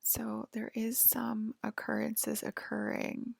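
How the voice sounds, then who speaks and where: In an ASMR roleplay, a woman plays a female alien abductor, whispering slowly and hesitantly in a full character voice. Her fairly high, monotone voice is breathy and heavily crackled with fry, keeping a calm, soft, clinical and gently official manner with no echo.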